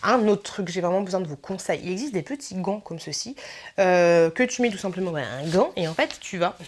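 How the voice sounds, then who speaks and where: A woman's voice: on the low side, animated, a little fast. Chatty playful French-speaking woman vlogger. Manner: chatty and playful, rambling with filler asides. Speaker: YouTuber. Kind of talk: casual wishlist vlog.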